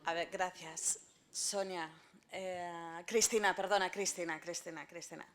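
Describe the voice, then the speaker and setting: A woman's voice: on the low side, steady tone, measured pace. A woman moderating a round-table debate, directing turns and calling on speakers.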